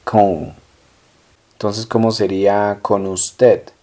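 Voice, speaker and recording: A man teaching a language lesson at an unhurried, deliberate pace. His voice is dark and mellow, and he stretches out each model word before saying it again. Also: mid-range voice. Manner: patient, drawn-out model words. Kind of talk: slow language lesson with repeated examples.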